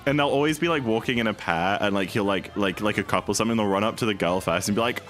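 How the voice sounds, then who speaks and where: A man's voice: lowish voice, fast talker, a bit bright, soft background music. A man streaming a speedrun, chatting casually and rambling with lots of fillers while he reads and answers his chat.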